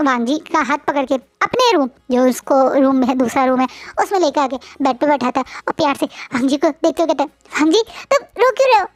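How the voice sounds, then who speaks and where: A woman's voice: sits high, no echo. A woman retelling a fan story in a chatty, casual way with conversational asides.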